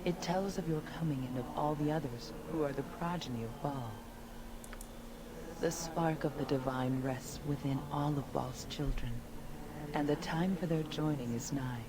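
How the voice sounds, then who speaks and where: A woman performs an ageless female servant of the gods in a fantasy video game. The voice is low and measured, formal and heavy with portent. Clear ambient noise sits behind it. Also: lightly acted. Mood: solemn, foreboding. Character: ancient solemn otherworldly female servant of the gods.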